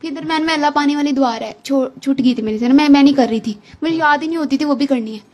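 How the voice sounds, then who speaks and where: A woman's voice: sits high, fast, a little mellow. A young woman who studied medicine, chatting casually and telling stories about her life, laughing often as she goes. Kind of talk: casual storytelling.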